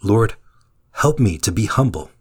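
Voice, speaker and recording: A man giving a calm, measured scripted reading of a daily devotional meditation. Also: fairly low pitch, husky. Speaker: meditation reader.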